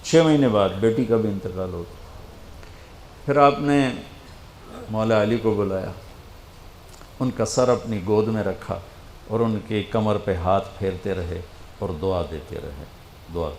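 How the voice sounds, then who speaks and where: A man delivers a sermon as heartfelt storytelling, rising to loud passages and dropping to near hushes. His voice sits low, and it echoes around a roomy space over a faint hiss of background noise. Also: pauses often. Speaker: preacher.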